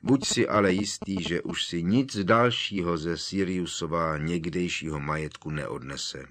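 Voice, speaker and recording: A man voicing a calm, wise elderly headmaster in an audiobook reading, measured and soothing. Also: deep voice. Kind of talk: audiobook character voice.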